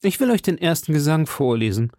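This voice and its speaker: A man's voice: on the high side, very animated, fairly quick, dark tone, dry recording, pitched above the performer's own voice. A refined, vain young musketeer, as a man reading aloud puts him on in a storybook, airy and affected. The voice is raised and swings widely, in a dry close room. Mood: airy lively.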